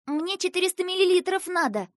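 A woman voicing a small, timid girl who squeaks her lines, as an audiobook character. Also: expressive, fairly quick, fairly bright tone, no echo, studio quality.

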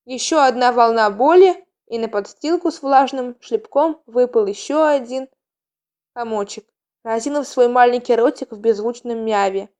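A woman reading a storybook aloud in a calm, even voice. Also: on the high side, normal speed. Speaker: narrator.

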